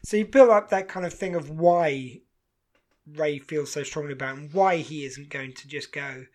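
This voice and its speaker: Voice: mid-range voice, normal speed. A podcast co-host in casual chat, talking eagerly about a TV show with frequent restarts. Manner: chatty, enthusiastic, many restarts.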